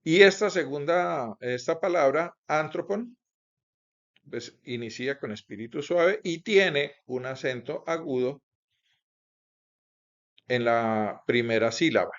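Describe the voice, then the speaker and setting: A man teaching a grammar lesson, explaining slowly and carefully, with many small connecting words. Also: medium pitch, animated, a bit bright. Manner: slow, careful explaining with frequent "pues" and "entonces". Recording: dull lo-fi recording.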